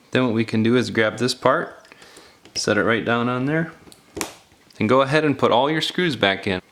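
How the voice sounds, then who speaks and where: With a mid-range, fairly bright voice, a DIY phone repair instructor talks viewers through a hands-on fix. His narration is folksy and informal, laid out one step at a time.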